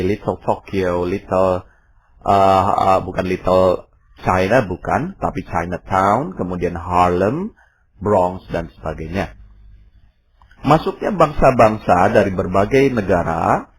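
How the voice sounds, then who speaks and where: Casting: male teacher, very low voice, patient explainer, faint hiss behind. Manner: explanatory, pauses with fillers, drills words slowly. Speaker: English teacher. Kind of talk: recorded lesson narration.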